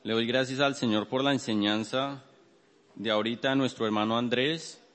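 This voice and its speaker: A man's voice: medium pitch, steady tone, moderate pace, fairly bright tone. A man preaching earnestly, praying aloud and then teaching from scripture to his congregation. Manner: earnest, repeats "Señor" often in prayer. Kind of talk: prayer and bible teaching. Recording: long hall reverb.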